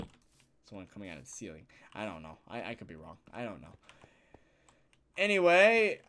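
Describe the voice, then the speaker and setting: A man giving casual let's-play commentary as a gaming channel host, thinking out loud with sudden loud exclamations between quiet mutters, a bit tired. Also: mid-range voice. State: yawning, tired.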